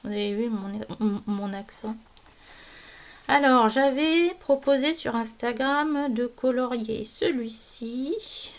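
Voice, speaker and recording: A woman from France, with a voice on the high side, speaks slowly as she chats casually about her coloured pages as a hobby vlogger. She sounds hesitant and often searches for words.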